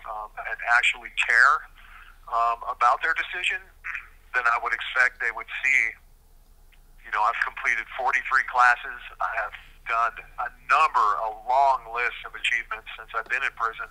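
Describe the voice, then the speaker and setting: A man speaking earnestly over a prison payphone call, measured and deliberate, with frequent hesitations. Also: medium pitch, pushed and bright, low-quality recording. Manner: measured, deliberate, many fillers. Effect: prison payphone call line. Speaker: incarcerated man interviewed by phone. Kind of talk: earnest interview answers.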